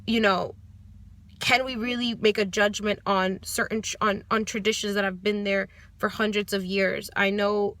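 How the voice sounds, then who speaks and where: Sitting in her parked car, a young woman from the United States gives an informal book review. She speaks with a bright, forceful, medium-pitched voice, pausing thoughtfully with lots of ums and restarts.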